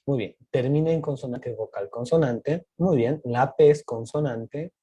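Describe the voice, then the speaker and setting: A man's voice: medium pitch, measured pace, dark tone, husky, highs cut off. A male teacher patiently explaining grammar rules step by step, asking and answering his own questions. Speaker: English teacher.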